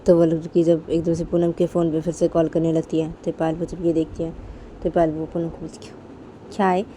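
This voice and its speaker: A woman's voice: sits low, monotone, brisk, warm tone, a little hiss or hum. A woman narrating a romantic story in a casual, rambling, repetitive way.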